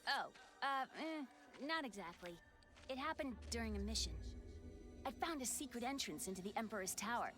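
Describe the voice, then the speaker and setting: A woman's voice: on the high side, lively intonation, a little fast, close to an everyday voice. A woman playing an earnest, spirited female hero in a video game, determined and loyal to friends. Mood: hesitant confession. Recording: game music underneath.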